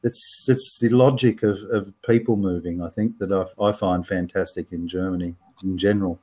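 This Australian man in his sixties speaks low and steady at a moderate pace, his tone mellow with a breathy edge. As a guest in a casual interview, he talks frankly and tends to repeat words while thinking.

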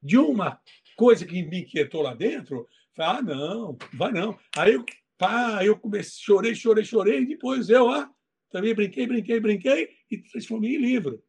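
A man who writes children's books, talking in an interview and telling stories in a lively way, acting out the voices in his anecdotes. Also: high-pitched, moderate pace, creaky, a little hiss or hum. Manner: animated storytelling, acts out voices. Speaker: children's book author. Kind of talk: interview talk.

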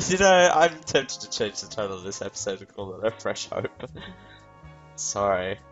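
A man's voice: lowish voice, very animated, a little slow, highs cut off. A man hosting a casual film review, rambling and correcting himself as he talks to his audience. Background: faint background music.

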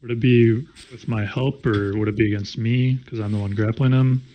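A man's voice: medium pitch, fairly even intonation, moderate pace, a little hiss or hum. A man playing in a tabletop game, making wry, dry asides. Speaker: player. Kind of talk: casual tabletop game play. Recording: dull lo-fi audio.

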